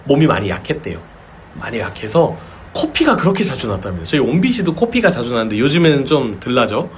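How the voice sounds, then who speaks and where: A man's voice: medium pitch, slight background noise. A man preaching a sermon as a pastor at a small home church, telling stories with vivid sound words and acted cries.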